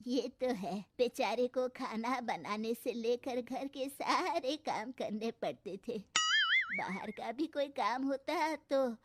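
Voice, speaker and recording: A grumbling old mother-in-law from a cartoon family drama drags her words out slowly in a highish voice, as a woman voices her. Loud noise sits behind the voice throughout. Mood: scolding. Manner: slow and scolding.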